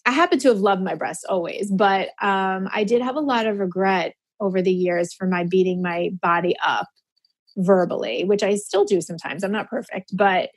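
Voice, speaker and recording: A woman's voice: mid-range voice, moderate pace. A woman in her forties talking openly and earnestly as an interview guest, emotional at times. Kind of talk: candid personal conversation.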